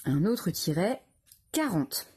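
Slow, mellow-voiced woman teacher dictating. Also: lowish voice, very animated, breathy edge. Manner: slow, careful, syllable-by-syllable dictation with repetitions. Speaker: primary school teacher. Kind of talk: dictation lesson for young pupils.

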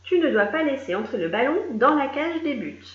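Casting: woman playing a patient, pleading boy captain, lively pitch, echoey lo-fi. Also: a little fast. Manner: earnest, explaining patiently. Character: young male animal team captain, earnest. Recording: echoey room, dull lo-fi sound.

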